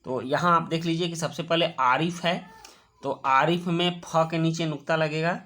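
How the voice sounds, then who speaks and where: A male teacher with a slightly high voice walks children through a worksheet. He explains patiently, step by step, repeating each word slowly so it sinks in. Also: fairly even intonation, pushed and bright.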